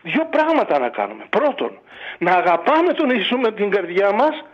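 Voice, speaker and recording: A man, a monk on a radio call-in, preaches in a fatherly, urging way and keeps asking rhetorical questions. His voice runs high and swings widely in pitch. The sound is dull and lo-fi, like old radio. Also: very animated. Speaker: monk giving a radio interview. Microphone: radio studio or phone line.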